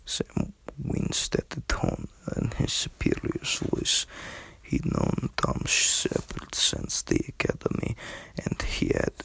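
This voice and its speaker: A man with a Russian accent reading a novel aloud in a gravelly, husky voice, haltingly, with stumbles and repeated words. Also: a bit bright, no room sound, in a whisper. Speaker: reader. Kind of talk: amateur audiobook narration of science fiction novel.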